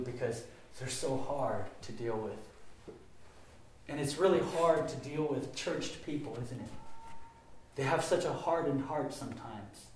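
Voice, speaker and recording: Male pastor, impassioned sermon, slightly high voice, heavy room echo. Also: slight background noise. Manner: impassioned preaching, swings between loud and quiet. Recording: very echoey room.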